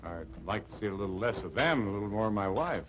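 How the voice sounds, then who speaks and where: An actor playing a gentle, soft-spoken baseball star talking hesitantly to his wife in a 1950s TV drama. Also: lowish voice, expressive, fast, muffled recording. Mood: tender. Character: gentle, devoted male baseball star husband. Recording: faint noise, old TV broadcast.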